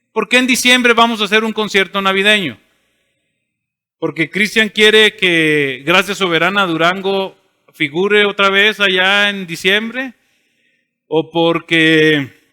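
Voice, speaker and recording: Preaching man with bright, reverberant voice. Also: high voice, smooth. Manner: asks rhetorical questions and voices imagined listeners. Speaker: pastor. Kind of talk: sermon. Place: church sanctuary.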